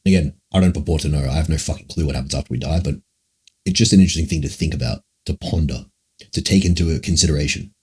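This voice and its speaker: Very deep-voiced young man streaming. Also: fast, a little mellow, slightly rough. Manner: rambling, profane, full of "like" and "man". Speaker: livestreamer. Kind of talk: casual livestream Q&A answering chat.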